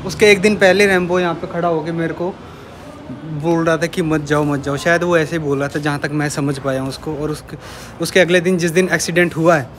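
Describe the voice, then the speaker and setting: A man's voice: on the high side, fairly even intonation, fairly quick, a bit bright, slight background noise. A young man talking casually to camera in a vlog, chatty, showing viewers things around his home. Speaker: vlogger. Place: at home, indoors and by a parked bike.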